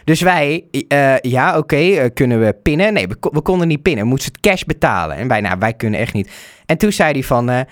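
A young man from the Netherlands telling a road-trip mishap in casual chat, animated, breaking into loud mock shouts. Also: mid-range voice, a little fast. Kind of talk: casual storytelling.

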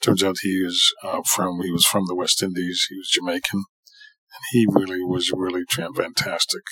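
His low, sharp-toned voice carries a breathy edge at a moderate pace as this middle-aged New York surgeon and professor earnestly recounts his own life for a podcast, often restating for emphasis. The recording is dry and of poor quality.

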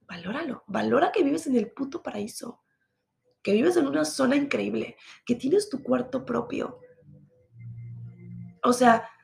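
Thirties woman, Mexican accent, high-ish voice full of vocal fry, blunt profane confessional vlogger. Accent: Mexican Spanish. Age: 30s. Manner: blunt and profane, mocks her own past self. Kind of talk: casual confessional monologue.

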